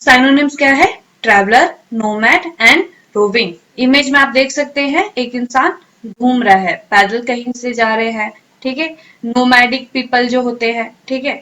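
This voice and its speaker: Unhurried woman teacher with a bright voice, drilling words syllable by syllable. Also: fairly high pitch, poor audio. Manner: repeats questions and answers, slow drilled pronunciation. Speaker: English vocabulary teacher. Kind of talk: vocabulary lesson with drills.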